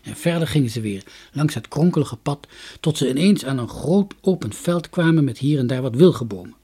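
A man reading a children's story aloud in an expressive, dramatic way. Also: mid-range voice, brisk, breathy edge. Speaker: narrator.

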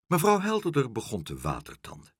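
Male storybook narrator, lively pitch, husky and dry in a quiet studio. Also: a little fast, no echo. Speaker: audiobook narrator.

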